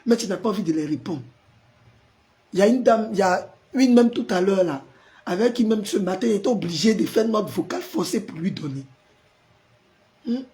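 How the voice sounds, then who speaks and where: A pastor hosting a live stream, hoarse from a sore throat and forcing his voice out as he chats with viewers and answers their comments. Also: sits high, expressive, brisk, pauses often, warm tone. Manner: chatty, greets viewers by name and answers comments.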